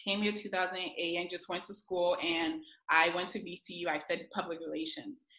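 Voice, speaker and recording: A woman's voice: on the low side, fairly quick. A young woman from Ghana, a music publicist, chatting casually in an interview with lots of fillers. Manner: relaxed, many fillers. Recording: echoey room with faint music.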